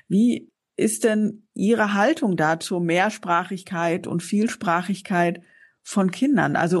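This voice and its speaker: A woman interviewer who asks long, reflective questions and thinks aloud. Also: on the low side.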